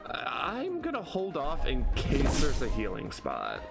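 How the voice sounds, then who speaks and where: A young man gives casual video game commentary at an unhurried pace. His voice has noticeable fry and moves up and down a lot, with clear game music behind it. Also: medium pitch, huge pitch swings. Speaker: streamer playing a video game. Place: small indoor room.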